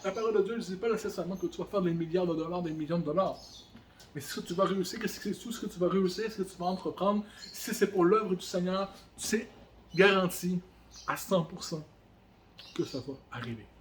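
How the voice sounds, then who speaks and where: A man's voice: high-pitched, fairly quick, a little hiss or hum. A man preaching a sermon on his own to a camera, exhorting the listener with fervent repetition and rising calls. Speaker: pastor. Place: church room, alone, filming himself. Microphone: camera on a stand.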